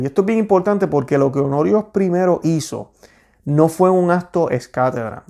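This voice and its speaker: Man, slightly high voice, measured reading, church history lesson, explains to viewers. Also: vocal fry. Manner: steady, measured reading with small restarts on words. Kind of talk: reading a history text aloud, then explaining it.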